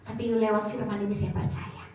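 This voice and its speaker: A woman pastor preaching a sermon, telling stories with animated energy and laughter, speaking to her congregation. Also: mid-range voice, brisk, a little hiss or hum. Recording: echoey hall, voice from far off.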